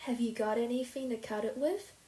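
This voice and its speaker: A woman's voice: fairly high pitch, brisk, warm tone, voice pushed up, natural voice. Woman doing a mournful, plain-spoken girl. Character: sad, practical young girl friend. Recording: roomy echo.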